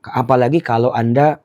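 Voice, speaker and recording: A middle-aged man, a priest, teaching the Bible in a casual, conversational way and chanting prayer phrases in a slow monotone. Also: medium pitch, highs cut off.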